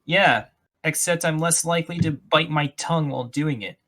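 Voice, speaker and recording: Young guy on a podcast w friends, bright sharp voice, deadpan matter-of-fact. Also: on the high side, normal speed, slight background noise. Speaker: podcast co-host. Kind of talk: casual chat among friends.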